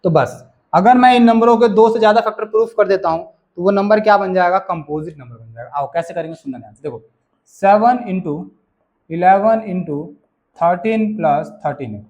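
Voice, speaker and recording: A man's voice: sits high, normal speed, a little mellow. A man teaches a maths class. He keeps it casual and chatty, repeating each key point and coaxing the students along as he works through the problems. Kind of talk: classroom lesson explaining solutions.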